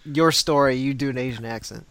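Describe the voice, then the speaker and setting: A man's voice: mid-range voice, fairly quick, fairly bright tone. A man hosting a casual video game podcast, upbeat and laughing often, with loose fillers. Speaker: podcast host.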